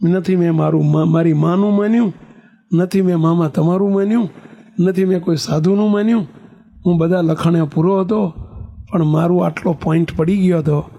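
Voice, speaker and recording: Man putting on a repentant young man, pleading, rambling, high voice, soft tone. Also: creaky. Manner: pleading, rambling, self-mocking.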